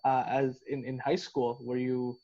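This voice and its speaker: A man hosting an interview, asking questions in a relaxed, casual way. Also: medium pitch, unhurried. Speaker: interview host. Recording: dull lo-fi audio.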